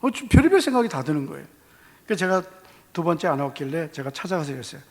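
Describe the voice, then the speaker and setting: A man with a Gyeongsang Korean accent preaching a testimony sermon, telling his story with lively acted-out dialogue. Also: on the high side, fast. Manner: animated storytelling, acting out dialogue. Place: church hall. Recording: long church reverb.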